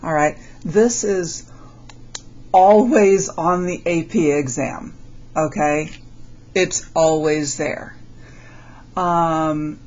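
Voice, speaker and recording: A woman with a deep, gravelly voice, stuffed and nasal from a summer cold, talks through a calculus lesson on a recorded video, stopping often to ask "okay?". The sound is a little dull, with faint noise in the background. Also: darkish tone. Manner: checks in with frequent "okay?". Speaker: calculus teacher.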